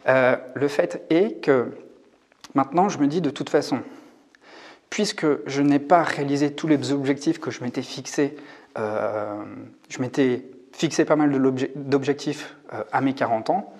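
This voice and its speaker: A man's voice: medium pitch, a little slow, a little mellow. Forties male coach, musing and hesitant delivery straight to camera. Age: 40s. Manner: reflective, thinking aloud with frequent hesitations. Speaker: YouTube coach on hypersensitivity. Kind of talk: casual talk to camera. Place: rented room.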